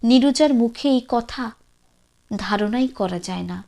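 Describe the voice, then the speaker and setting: A woman reading a classic story aloud as narrator, measured and expressive. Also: fairly high pitch, vocal fry.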